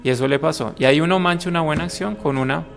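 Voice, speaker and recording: A man's voice: on the high side, very fast, gravelly, faint music behind. A man, a priest teaching an adult catechism class to a live group in a conversational way. He often checks in with "mm?" and acts out short quoted voices. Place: room with a live audience.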